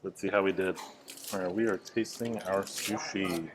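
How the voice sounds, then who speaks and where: A man's voice: deep voice, steady tone, moderate pace, noisy background. A man hosting a casual travel vlog, joking and laughing often as he chats. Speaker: vlog host. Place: cruise ship cooking class and bar. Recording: busy crowd chatter behind.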